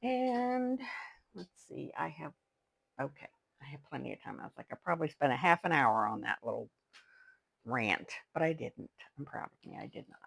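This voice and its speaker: Gravelly older woman chatting while crafting. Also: low voice, lively intonation, moderate pace, dry recording, poor audio. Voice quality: gravelly, husky. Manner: chatty, rambling, talks to herself while working. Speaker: craft channel host. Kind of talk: casual crafting chat.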